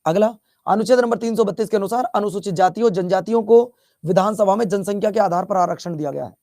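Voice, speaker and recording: High-voiced teacher man, Bihar Hindi accent. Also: fast talker, dark tone, no room sound, studio quality. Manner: chatty, repeats questions, scolds playfully. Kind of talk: classroom lecture.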